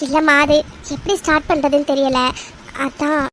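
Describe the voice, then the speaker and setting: Cartoon mother-in-law, middle-aged, hesitant and tearful, very high voice, woman voicing her. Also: flat delivery, moderate pace, a little hiss or hum, lightly acted. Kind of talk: cartoon voice acting.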